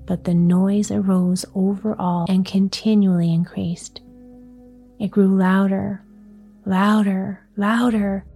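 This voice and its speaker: Breathy whispering woman telling a story. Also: mid-range voice, mellow. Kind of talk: whispered bedtime story reading.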